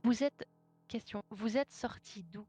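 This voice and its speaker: A woman's voice: fairly high pitch, unhurried, dark tone, breathy edge, soft background music. A woman playing a tabletop role-playing game, chatting casually and asking the game master many questions. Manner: curious, asks many questions. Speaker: player.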